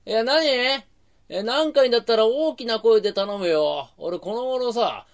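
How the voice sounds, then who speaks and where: A man voicing a slow-witted, hard-of-hearing young tenement dweller, dopey and evasive. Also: high voice, pitched above the performer's own voice. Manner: dopey, evasive, drawn-out replies.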